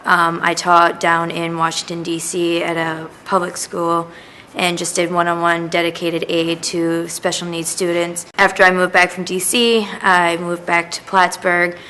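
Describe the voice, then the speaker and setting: A woman's voice: lowish voice, monotone, unhurried, pushed and bright, a little hiss or hum. A woman from upstate New York, a culinary arts student describing her path in a plain, matter-of-fact way. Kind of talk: interview testimonial.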